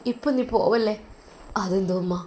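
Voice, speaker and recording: A woman with a Malabar accent voicing a gentle, anxious mother. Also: medium pitch, normal speed, close to an everyday voice. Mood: worried. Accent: Malabar Malayalam. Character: worried tender old mother.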